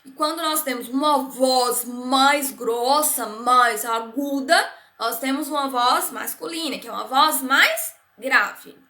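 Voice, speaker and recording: A woman's voice: sits high, takes it slowly, sharp tone, roomy sound. A woman teaching a primary school science class in Brazilian Portuguese, explaining patiently and checking in often with "né?" and "certo?". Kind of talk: recorded remote class lesson.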